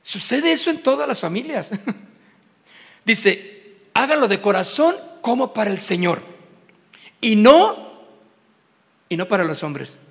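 A man's voice: high-pitched, big pitch swings, takes it slowly, gravelly, long pauses, big-room sound. A man teaching a Bible class in a conversational sermon style, acting out small dialogues with many restarts.

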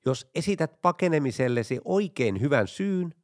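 A man putting on a smug traffic cop, higher and louder than his own voice, lecturing a speeder in a storytelling joke. The sound is dry and close, with no room echo. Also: very animated.

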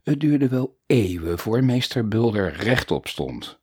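Husky man reading a children's story slowly. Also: fairly low pitch, no echo, studio quality. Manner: animated, playful storytelling. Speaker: audiobook narrator. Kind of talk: expressive children's storybook narration.

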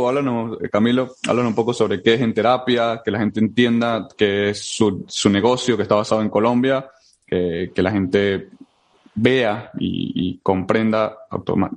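A man hosting a casual interview, lively and repetitive as he asks questions. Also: lowish voice, normal speed. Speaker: interviewer host.

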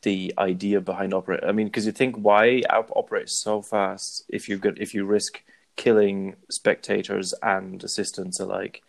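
A man with a lowish, gravelly voice co-hosts a casual podcast. He feels his way through sentences with stops and repeats, dropping dry jokes along the way. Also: little pitch movement, normal speed. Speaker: podcast co-host. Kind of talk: casual chat.

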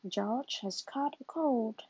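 A woman voicing a friendly bear doctor in a storybook reading, in a calm, reassuring manner, on a dull lo-fi recording. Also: a little high, slow pace, breathy edge, dry recording, exaggerated voice.

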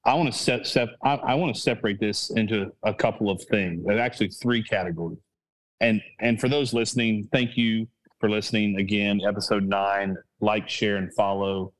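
A man's voice: lowish voice, steady tone, normal speed, rough recording. A man hosting a casual sports podcast, rambling and restarting his sentences as he thinks aloud. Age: adult with a child. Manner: rambling, full of restarts and self-corrections. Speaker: podcast host.

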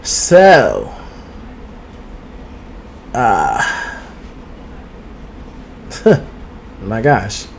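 A man's voice: lowish voice, huge pitch swings, extremely slow, gravelly, long pauses, a little hiss or hum. A man hosting a podcast with a casual gossip chat, sassy and outspoken, swearing freely and talking straight to his listeners while streaming from home. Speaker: podcast host. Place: home studio. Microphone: streaming with two cameras.

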